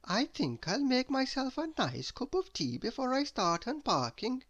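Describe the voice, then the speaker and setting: A woman's voice: high voice, sing-song, a little slow, pitched above the performer's own voice, heavily acted. A woman voicing a prim, fussy little storybook lady with a dainty, careful delivery. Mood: pleased, prim.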